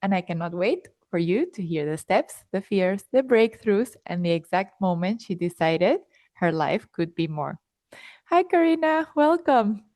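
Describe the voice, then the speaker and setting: Upbeat and encouraging, a female podcast host welcomes her guest and poses questions in a mellow, mid-range voice that is very animated yet a little slow. The recording is clean studio audio without echo.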